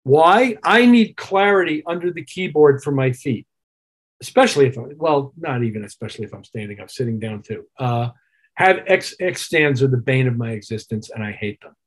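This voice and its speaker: An older man, a keyboard player and producer, chats casually as an interview guest, wry, emphatic and opinionated. His mid-range voice is husky and animated, at a normal speed.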